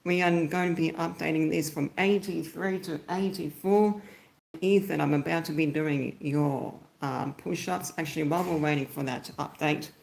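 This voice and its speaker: A man's voice: on the high side, steady tone, normal speed, gravelly. An Australian man chatting casually on a phone livestream, thanking viewers by name as he goes. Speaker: YouTuber live-streaming.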